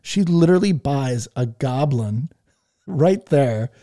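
This podcast host has a dark, medium-pitched voice with lively intonation, and he takes his time. Chatting casually in a live audio room, he spins rambling, filler-laden stories.

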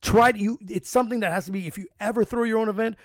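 A man hosting a casual chat, telling animated, profane stories. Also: high voice, dry recording, studio quality. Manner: fast, profane, animated storyteller. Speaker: podcast host.

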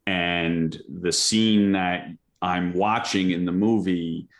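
A man, a guest author, answering in a casual interview, halting and repeating words. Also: low-pitched, fairly even intonation.

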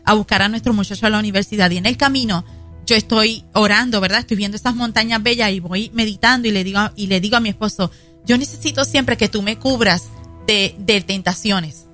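Earnest woman pastor in her forties, crisp bright voice over faint music. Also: medium pitch, a little fast. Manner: earnest preaching tone, addresses audience directly.

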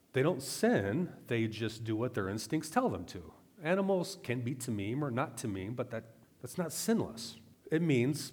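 A man giving a sermon-style Bible teaching, speaking conversationally with asides, slowing to stress key words. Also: medium pitch, a little mellow, breathy edge. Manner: conversational, with asides and filler "right?". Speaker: teacher of a weekly Torah portion.

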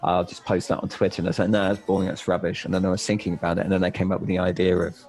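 A man's voice: sits low, level tone, rapid-fire, a little mellow, low-quality recording. A man, a self-published author, chatting casually on a podcast, rambling with many restarts and repeated words.

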